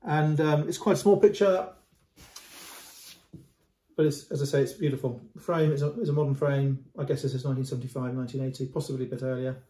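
A man's voice: mid-range voice, fairly even intonation, fast talker, warm tone. A middle-aged man presenting a painting to camera in casual, unscripted commentary, often repeating words and restarting as he gestures at the canvas. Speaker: antiques dealer. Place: indoor room at home. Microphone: camera at close range. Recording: roomy echo.

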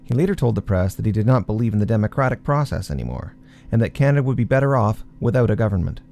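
Gravelly man narrating a documentary. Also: lowish voice, lively intonation, fast, a little mellow.

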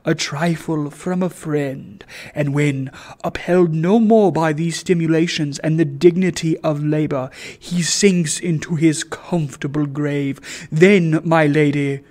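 A man reading aloud and voicing a pompous, self-righteous wealthy old gentleman who speaks with solemn majesty. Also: fairly high pitch. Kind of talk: audiobook reading.

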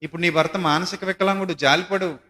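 Male pastor, bright forceful tone, long hall reverb, emphatic sermon style. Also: lively intonation, moderate pace, slight background noise. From South India. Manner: emphatic, swinging from loud high exhortation to low soft asides. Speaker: preacher. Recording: echoey hall.

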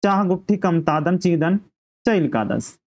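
A woman voicing an old village man who can barely see, asking slow, raised questions, on a dull lo-fi recording. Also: fairly low pitch, expressive, a little mellow. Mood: welcoming. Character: old village man, the bride's father, hard of sight.

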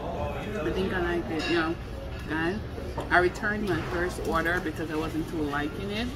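Slow-talking woman vlogging on the go. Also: lowish voice. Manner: chatty, laughs often, talks to camera. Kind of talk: casual travel vlog. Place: in a car, then outdoors on a town street. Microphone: handheld phone camera at arm's length. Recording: noisy car and street sound.

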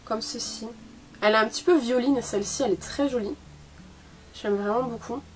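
A woman's voice: fairly high pitch, brisk, slight background noise. Young female beauty vlogger, casual haul chat, chatty with fillers and light laughs. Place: her bedroom.

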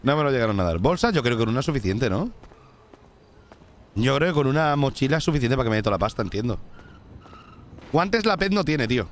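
Roleplaying a bank robber on stream, this young Spaniard talks fast in a mid-range voice, pausing often as he hops between game dialogue and comments to his audience. He's animated and swears freely in this casual chat, with slight background noise.

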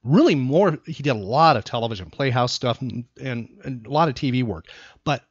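Husky and expressive at a medium pitch, this American man talks a little fast while hosting a casual trivia chat as a podcast host and quizmaster, asking questions and explaining facts in short phrases. The dry recording sounds slightly dull and lo-fi.

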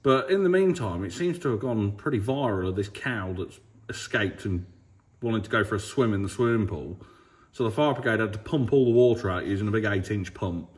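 A man's voice: lowish voice, lively intonation, a little fast. A man in his thirties, a farmer vlogging from his yard and workshop, talking chattily and jokily into a phone held at arm's length. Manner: chatty, jokey, matter-of-fact storytelling. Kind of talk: casual vlog chat. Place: outdoors in a farm yard and indoors in a workshop. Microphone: handheld phone at arm's length.

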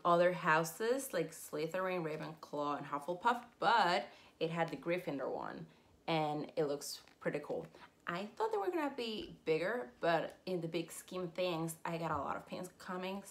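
In her haul video, a deep-voiced woman in her twenties from Puerto Rico, a native Spanish speaker, chats casually among shelves of collectibles. She squeals with excitement and laughs frequently, captured by a camera at desk distance indoors.

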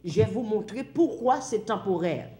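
A woman's voice: mid-range voice, animated, moderate pace, mellow, reverberant. A woman teaching from the Bible in a sermon, repeating key phrases and asking and answering her own questions.

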